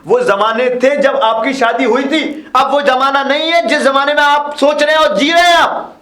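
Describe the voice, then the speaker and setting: A man's voice: a little high, fairly even intonation, moderate pace, lightly acted. An actor playing a defiant young grandson who argues earnestly with his grandfather. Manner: earnest, arguing. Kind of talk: low-budget Hindi drama acting. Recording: echoey room.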